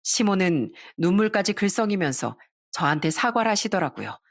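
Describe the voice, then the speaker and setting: A woman's voice: medium pitch, very animated, normal speed, no echo, clean studio sound. A woman narrating a first-person family story in a confiding storytelling manner.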